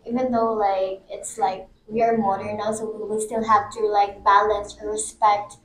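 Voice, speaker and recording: A woman's voice: medium pitch, flat delivery, normal speed. A bubbly woman with a Filipino accent, hosting a casual interview and repeating her guests' answers back. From Philippines. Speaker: interviewer hosting a pageant-style Q&A. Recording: echoey room with background noise.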